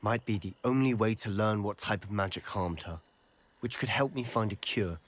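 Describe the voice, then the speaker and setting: A man's voice: lowish voice, slight background noise, lightly acted. An actor playing an earnest young male wizard student, in video game dialogue. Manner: earnest, measured storytelling.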